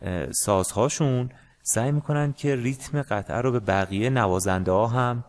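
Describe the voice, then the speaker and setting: A man teaching a music lesson in a casual, hesitant way, with many pauses and fillers. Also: mid-range voice. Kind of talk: casual screen-share lesson.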